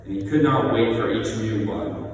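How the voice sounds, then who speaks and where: A middle-aged man reading a prepared eulogy aloud, reminiscing in measured short phrases. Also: lowish voice, muffled recording. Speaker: son giving a eulogy. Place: large reverberant church. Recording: echoey church hall, distant mic, noisy.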